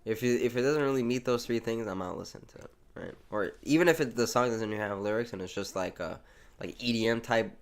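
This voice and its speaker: Reading chat on his live gameplay stream, a young man from the United States rambles loosely in slang, with plenty of restarts. His medium-pitched voice moves at a quick pace.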